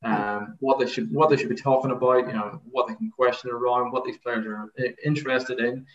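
A man's voice: mid-range voice, steady tone, a little fast. Irish guy, middle aged, casual podcast guest explaining stuff, dull echoey room sound. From Ireland. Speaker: podcast guest, rugby coaching researcher. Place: converted garage office. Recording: dull, roomy remote recording.

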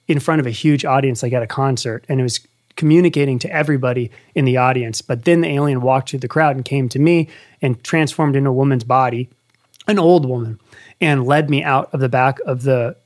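A man in his thirties, hosting a casual conversation and telling an earnest story with animation. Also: medium pitch. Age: 30s. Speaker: podcast host.

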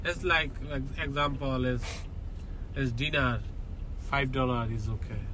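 A man's voice: mid-range voice, a little slow, a crowd in the background, poor audio. A man from Bangladesh with a Bangladeshi accent, chatting in friendly, simple broken English while driving. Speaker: driver. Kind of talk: casual chat. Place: car. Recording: car with road noise.

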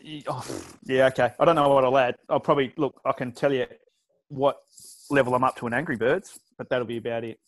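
A man's voice: mid-range voice, fairly even intonation, brisk. A man with an Australian accent bantering in a casual, joking group chat, swearing freely.

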